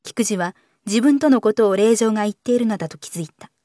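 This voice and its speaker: A woman narrating a novel in a calm, measured audiobook reading. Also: mid-range voice, dry recording, studio quality.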